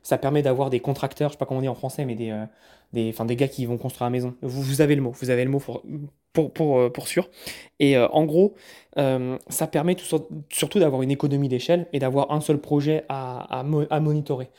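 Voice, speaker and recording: A man's voice: mid-range voice, steady tone, quick pace, dark tone. A man from France recapping events in a casual vlog, chatty, often stumbling and repeating words. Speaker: vlogger.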